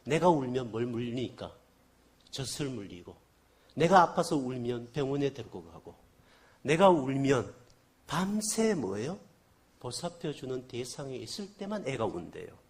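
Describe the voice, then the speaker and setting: A man's voice: medium pitch, normal speed. A man preaching a sermon as a guest revival speaker, telling a story and asking the congregation questions, with a slight cold. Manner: animated, asks the congregation questions.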